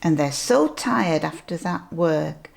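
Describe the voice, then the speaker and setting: A sweet grandmotherly older woman reading a picture book aloud to young children, gently pointing things out as she goes. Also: deep voice, expressive, gravelly, a little hiss or hum. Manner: slow, deliberate storytelling with asides.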